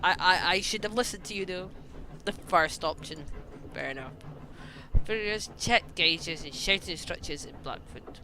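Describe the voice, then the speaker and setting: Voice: mid-range voice, moderate pace, background noise. Streamer reading a story game aloud. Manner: reads game text aloud and chats with viewers.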